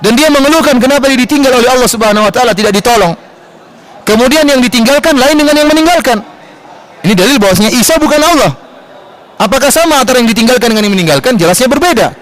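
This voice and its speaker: Fast-talking high-voiced male preacher. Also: poor audio. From Indonesia. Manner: animated, quotes scripture in a raised voice. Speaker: Islamic preacher. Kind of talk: religious study lecture. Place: large mosque.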